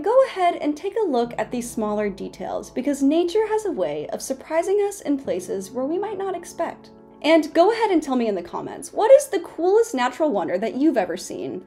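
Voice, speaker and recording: A young woman reads her science script in an earnest, gently wondering tone, speaking straight to her viewers. Her voice sits a bit high and mellow, with a lively up-and-down melody. She is close on a studio microphone with faint music playing underneath. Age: young adult. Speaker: science video host. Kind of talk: scripted educational narration. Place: small indoor home studio. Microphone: large studio mic in front of her.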